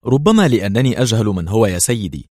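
Man reading a composed young woman agent; polite, a bit husky. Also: fairly low pitch, very animated, fast talker, dark tone, no echo, studio quality, pitched above the performer's own voice. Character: poised young female intelligence agent.

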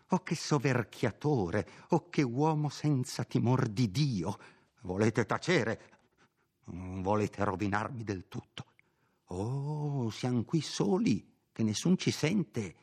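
A man voicing a sharp-tongued, bossy middle-aged housekeeper in an audiobook, scolding and insistent. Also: medium pitch, animated, slow pace, husky, voice pushed up, heavily acted. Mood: indignant. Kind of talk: audiobook character voice.

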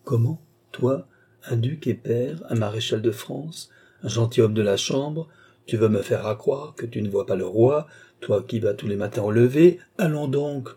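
A man voicing an excitable old baron who is worried and exasperated, with outbursts in a raised voice. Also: mid-range voice, moderate pace, slightly rough. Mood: indignant.

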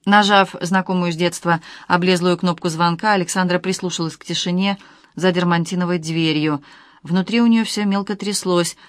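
An audiobook reader narrating a novel in a steady, even storytelling voice. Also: mid-range voice, normal speed, dry recording, clean studio sound.

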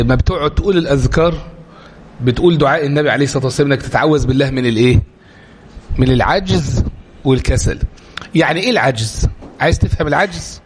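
A man with an Egyptian Arabic accent lecturing to a live class, animated and full of rhetorical questions. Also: on the high side, slight background noise. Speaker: religious lecturer.

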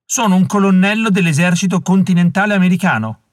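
A man's voice: sits high, very animated, brisk, breathy edge, no echo, clean studio sound, voice pushed up, heavily acted. A man voicing a furious imprisoned colonel. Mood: indignant. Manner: shouting, indignant protests. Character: angry imprisoned male colonel, indignant.

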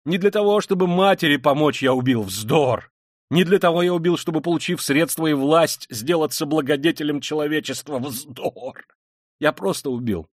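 A man's voice: fairly high pitch, normal speed, no room sound, clean studio sound, voice pushed up, natural voice. A man reading an audiobook, voicing a tormented, proud young man who swings between intense outbursts and brooding mutters.

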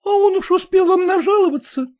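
A man's voice: extremely high pitch, voice pushed up. A man voicing a petulant, hysterical young bride, reading a story aloud with sulky, ironic outbursts. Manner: sulky, ironic, quick to shout. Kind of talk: audiobook character voice.

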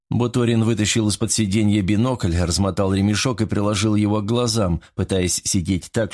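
A man narrating an audiobook in a steady, measured storytelling manner. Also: on the low side. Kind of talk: scripted narration.

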